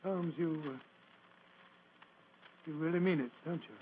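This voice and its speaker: A tinny old radio drama recording. A male actor plays a loyal, fussy gentleman doctor with a high-pitched voice. His manner is earnest, blustery and old-fashioned. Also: unhurried, a little hiss or hum, natural voice. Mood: crestfallen.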